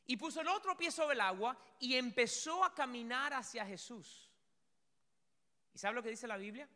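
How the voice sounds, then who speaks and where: A man preaches a lively sermon in a high, bright voice that swings widely up and down. He acts out the story as he goes. A long hall reverb trails his words in the church. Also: moderate pace. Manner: animated, acts out story scenes and shouts. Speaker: pastor.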